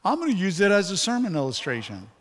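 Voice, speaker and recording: A pastor whose voice has been weakened by a stroke preaches fast, his high, slightly bright voice swinging hugely in pitch. Candid and joking with the congregation, he's heard with long hall reverb in the church sanctuary.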